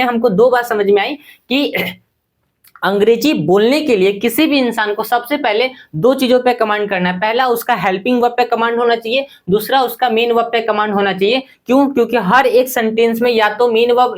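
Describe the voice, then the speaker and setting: A male English teacher explaining grammar in Hindi, asking and answering his own questions and repeating key points for his viewers. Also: extremely high pitch. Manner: addresses viewers as friends; slows to recite word lists.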